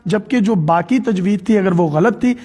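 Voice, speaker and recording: Man, host, high voice, explanatory, devout phrasing. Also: a little mellow, breathy edge. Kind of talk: TV interview demonstrating an app.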